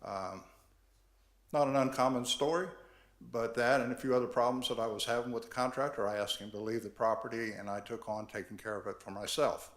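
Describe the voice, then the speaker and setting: An older man addressing a city board about his property, earnest and measured, reading from his notes. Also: mid-range voice, fairly even intonation, a bit bright. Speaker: property owner at hearing. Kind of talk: public comment at board meeting. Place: council chambers. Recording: echoey chamber.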